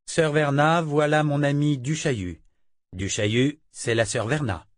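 A man's voice: fairly high pitch, measured pace, no room sound, clean studio sound, voice pushed up, lightly acted. A man reading an audiobook voices a commanding young hero who gives stern orders. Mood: calm. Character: commanding angry young male seeker.

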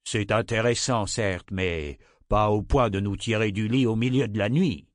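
A man voicing a booming, deliberate old wizard. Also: no room sound, clean studio sound, lightly acted. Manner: slow, deliberate, stentorian. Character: booming older male wizard.

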